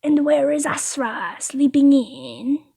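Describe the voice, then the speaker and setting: A woman's voice: high-pitched, steady tone, measured pace, a little mellow, slightly rough, no room sound. A woman voicing a chatty, nosy male baker in a story reading, friendly but prying.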